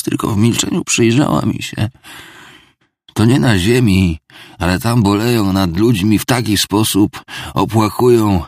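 A man voicing a drunken, self-pitying older ex-clerk in an audiobook, rambling and pleading in a theatrical confession, gravelly and husky. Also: lowish voice, no echo, clean studio sound, voice pushed up. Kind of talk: audiobook character reading.

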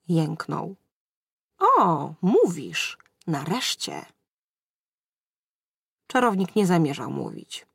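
Low, gravelly woman narrating a tale. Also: darkish tone, no echo, studio quality. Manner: measured, storytelling. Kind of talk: audiobook fairy-tale narration.

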